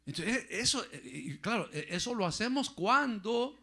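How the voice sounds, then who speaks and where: Here a man's high, expressive voice carries a breathy edge as he preaches at normal speed. The pastor repeats phrases, frequently says "brother" to listeners, raises his volume for emphasis, and drops it low for asides.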